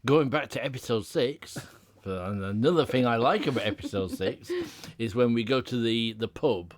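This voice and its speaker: A man's voice: medium pitch, lively intonation, normal speed. A man chatting enthusiastically as a podcast panelist, often laughing mid-sentence. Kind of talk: casual chat.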